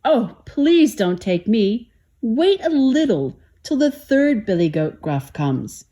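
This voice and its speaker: A woman's voice: a little high, sing-song, takes it slowly, warm tone, pitched above the performer's own voice, heavily acted. A woman voicing a polite middle-sized billy goat from a storybook, pleading carefully.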